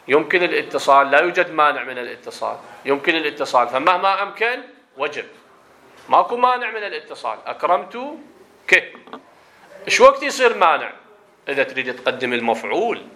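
Bright-voiced man teaching grammar. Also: mid-range voice. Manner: explains step by step, checks understanding with questions. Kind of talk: classroom lecture.

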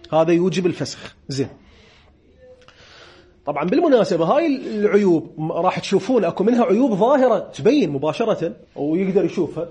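A man with an Iraqi Arabic accent giving a seminary lecture on religious law, repeating definitions slowly and joking with his students. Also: high-pitched, darkish tone.

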